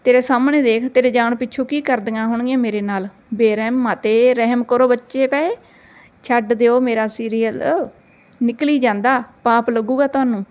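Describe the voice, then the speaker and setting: Cheeky teasing girl a woman doing her, highish voice, playful, kinda muffled audio. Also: steady tone, moderate pace, a little mellow, natural voice. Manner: playful, bargaining, mock-dramatic.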